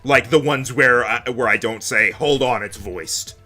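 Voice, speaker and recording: A man chatting casually and jokily as he plays a game, in an animated, rambling way. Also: mid-range voice, unhurried, soft background music. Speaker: gamer playing and reading aloud. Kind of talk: casual gaming chat.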